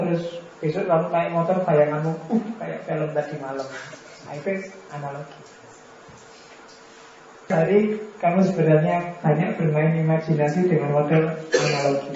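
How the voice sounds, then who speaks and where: A man lectures on philosophy in a chatty, teasing way, tossing rhetorical questions at his listeners. His voice sits high for a man. The recording is very echoey and dull, with a faint hum behind him. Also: flat delivery, moderate pace, pauses often, warm tone. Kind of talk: informal lecture.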